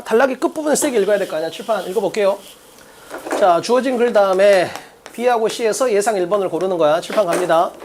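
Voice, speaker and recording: A man teaching an exam-prep English lesson, drilling students with quick rhetorical questions and emphatic repetition. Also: high-pitched. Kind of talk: recorded exam-prep lecture.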